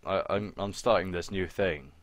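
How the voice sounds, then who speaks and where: A man's voice: deep voice, moderate pace, no echo. A young man co-hosting a casual podcast chat, blunt and swearing freely with dry jokes. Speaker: podcast co-host.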